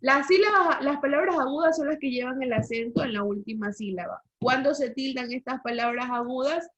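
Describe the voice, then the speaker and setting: A woman with a high-pitched, fairly bright voice talks briskly as she teaches a language class online. She explains the rules and fires questions at students, and the call audio sounds slightly dull and lo-fi.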